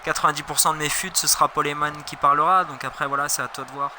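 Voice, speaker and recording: Higher-voiced man, informal wrestling commentator, noisy. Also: fairly even intonation, fast. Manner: informal, addresses viewers directly. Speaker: streamer commentating wrestling game matches. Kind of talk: casual live wrestling commentary mixed with chat.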